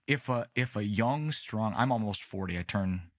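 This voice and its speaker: Laid-back man pushing forty, lowish voice. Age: late 30s. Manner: relaxed, unhurried storyteller with many restarts. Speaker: podcast guest. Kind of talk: casual storytelling interview.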